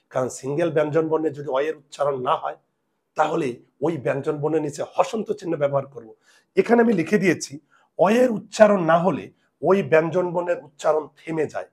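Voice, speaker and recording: A man's voice: a little high, darkish tone. A man teaching a grammar lesson to students, emphatic and repeating key points. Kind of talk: classroom-style video lesson.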